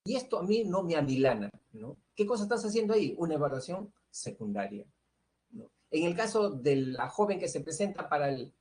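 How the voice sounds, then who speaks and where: A man with a Peruvian Spanish accent teaches a pre-university psychology class. He explains step by step, asks questions and answers them himself, ends nearly every phrase with a questioning "¿no?", and fills pauses with "este" and "eh". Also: a little high, sing-song, a little mellow. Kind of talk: online lecture to students.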